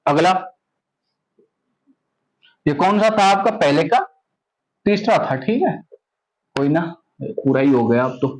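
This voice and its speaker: A young man with a high voice gives a maths lesson. He keeps asking his students questions, repeats them, and then answers himself in a steady classroom rhythm. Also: slow, pauses often, rough recording. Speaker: maths teacher.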